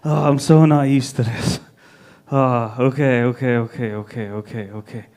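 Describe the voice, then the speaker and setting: A man's voice: mid-range voice, fairly even intonation, normal speed, a little mellow. A man from Egypt doing a brash stand-up set, swearing and hyping up a small crowd. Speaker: stand-up comic. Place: small live comedy venue.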